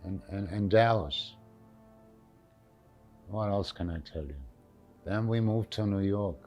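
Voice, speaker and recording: A man's voice: fairly low pitch, slow pace, a little mellow, faint music behind. An elderly man with a Yiddish accent reminisces in an interview in plain, short, often repeated phrases, dropping in Yiddish words. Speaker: Holocaust survivor giving testimony.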